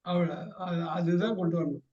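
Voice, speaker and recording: A man runs an English class, repeating each prompt and gently fixing mistakes. His voice sits notably high for a man. The recording is dull and lo-fi. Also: a little fast. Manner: gives prompts again and again, corrects answers patiently. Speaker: English teacher. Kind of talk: bilingual class drilling.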